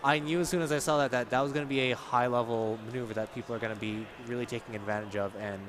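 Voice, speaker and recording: A man's voice: mid-range voice, fairly even intonation, fast talker, noisy background. A man doing live esports commentary, chatty and explaining game mechanics with a laugh.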